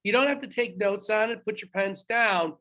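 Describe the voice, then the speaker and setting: In a recorded history lecture, a man speaks straight to his students in a chatty way, pausing to quiz them on trivia. His high-pitched voice is bright and forceful, at a normal speed.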